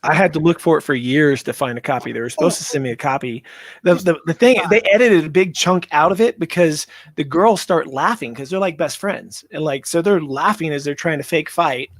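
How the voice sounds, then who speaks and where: Husky-voiced man telling stories. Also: a little high, a little fast, no room sound. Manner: storytelling, laughing, crude jokes. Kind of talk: casual livestream chat.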